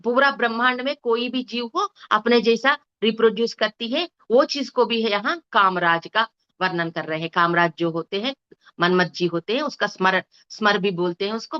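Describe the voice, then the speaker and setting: A woman teaching a spiritual text in a slow, explanatory way, often hesitating and correcting herself. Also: medium pitch, bright, forceful tone, highs cut off.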